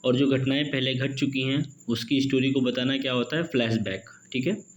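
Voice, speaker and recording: Man teaching exam English, slow question reading. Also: mid-range voice, steady tone, slight background noise. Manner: reads questions slowly, peppers with "ठीक है" and "दोस्तों". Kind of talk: exam-prep lesson in Hindi-English mix.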